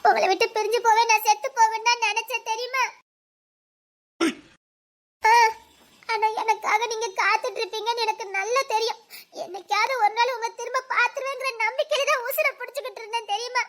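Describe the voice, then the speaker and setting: A woman's voice: very high-pitched, steady tone, a little fast, fairly bright tone. A woman playing a devoted young woman who tearfully pleads with her lover not to send her away. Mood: earnest devoted.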